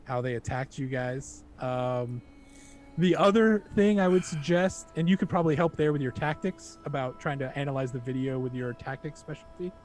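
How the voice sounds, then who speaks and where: A man's voice: mid-range voice, moderate pace, darkish tone, a little hiss or hum. A young man running a tabletop game as game master, laid-back and joking, with lots of fillers.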